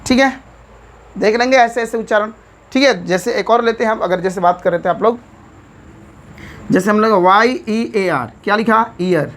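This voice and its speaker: A woman's voice: mid-range voice, moderate pace, pauses often. Indian woman spelling out English words. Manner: spells words out letter by letter, often says "theek hai". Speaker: English teacher. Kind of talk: online vocabulary lesson.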